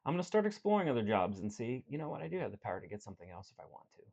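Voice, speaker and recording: A man's voice: mid-range voice, rapid-fire, creaky, slightly rough, muffled recording. A man speaking as a life coach in an earnest, direct motivational talk, telling a story from his work. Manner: earnest, direct, swings between animated and quiet.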